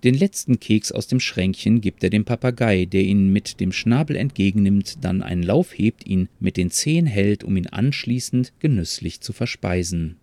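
A man telling a scripted story in a calm, measured way. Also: fairly low pitch, no echo. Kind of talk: scripted story narration with character voices.

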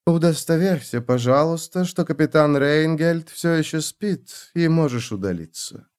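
A man voicing an ageless vampire countess in an audiobook, speaking in a silky, slow, seductive way. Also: fairly high pitch, lively intonation, a little mellow, clean tone, pitched above the performer's own voice.

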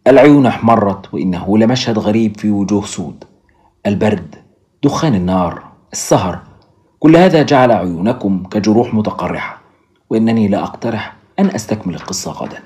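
A man's voice: fairly low pitch, lively intonation, a little fast, a little mellow. A man narrating an audiobook as a storyteller, speaking to his listeners around a fire.

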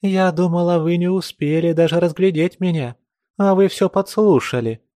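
Guy doing a coy teasing young village girl, voice pushed up high, dry close sound. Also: normal speed, mellow, no echo, natural voice. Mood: girlish, playful.

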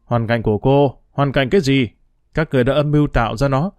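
A man's voice: mid-range voice, brisk, a little mellow, dry recording, lightly acted. A man voicing a stern, accusing husband. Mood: angry. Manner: harsh, reproachful.

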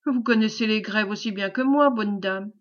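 A woman's voice: medium pitch, normal speed, dull audio, natural voice. A woman reading as a tearful, stubborn peasant lad. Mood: determined. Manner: pleading, respectful but determined.

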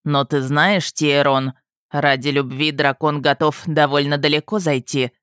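A woman voicing a calm, mocking male dragon who is the heroine's husband, in an audiobook. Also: low-pitched, unhurried, smooth, dry recording, studio quality, voice pushed down. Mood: sardonic. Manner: cool and mocking.

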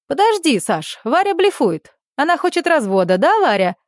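A woman reads a shrill, reproachful middle-aged aunt for an audiobook, her voice pitched higher and pushed louder than the narration, pleading one moment and accusing the next. The recording is close and dry, with no room sound. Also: big pitch swings, normal speed, no room sound.

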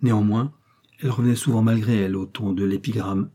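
A man reading a classic novel aloud as narration, in a steady, measured way. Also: on the low side. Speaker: audiobook reader.

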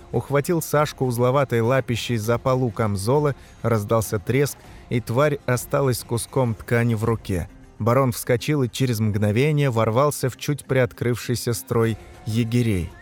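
A man's voice: medium pitch, moderate pace, soft background music. Man narrating a grim fantasy audiobook. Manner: voices characters by shouting their lines. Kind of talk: scripted narration.

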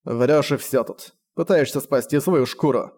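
A sullen, bitter young man, as a male narrator reads him, curt and flat with hardly any expression. The storybook voice sits close to the reader's own. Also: medium pitch, a little slow, natural voice.

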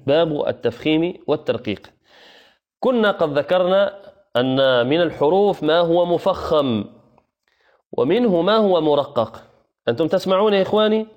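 A man teaching Quranic recitation rules, explaining step by step, asking the listeners questions and stretching sounds slowly to demonstrate them. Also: fairly high pitch, a little mellow, highs cut off. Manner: asks the listeners questions to keep their attention. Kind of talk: tajweed lesson.

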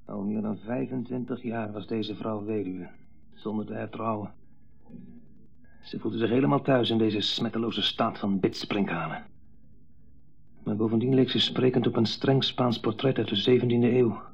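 A man's voice: fairly low pitch, fairly even intonation, moderate pace, faint music behind. An actor playing a bitter grown son dominated by his mother, delivering a brooding, intense monologue in a 1970s radio play. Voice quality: gravelly, husky. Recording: dull 1970s radio broadcast.

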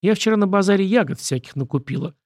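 A man reading the part of a gentle, sly young wife with a soft, sing-song manner. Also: sits high, expressive, fast talker, no room sound, clean studio sound, pitched above the performer's own voice.

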